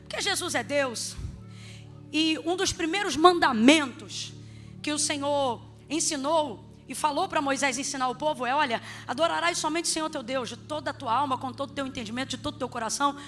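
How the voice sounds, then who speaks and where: A woman pastor preaching a sermon in church, switching between emphatic shouting and humorous, chatty asides. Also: high voice. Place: church sanctuary.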